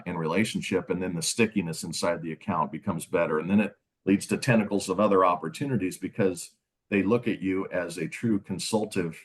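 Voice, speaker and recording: A man's voice: sits low, husky. A middle-aged man, a sales executive, speaking in a casual conversational way on a webinar panel. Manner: conversational, folksy, with fillers.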